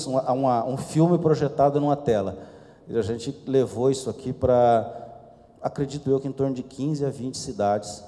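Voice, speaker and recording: A man's voice: medium pitch, warm tone. A middle-aged man, presenting slides at a conference panel in an informal, self-deprecating way. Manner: informal, self-deprecating asides while walking through slides. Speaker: conference speaker. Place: conference hall. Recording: long hall reverb.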